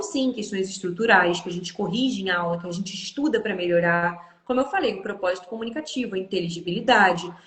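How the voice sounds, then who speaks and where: On a casual live stream, a guest who teaches English talks through her views supportively, her Brazilian Portuguese accent clear. She has a mid-range voice, recorded with a roomy sound.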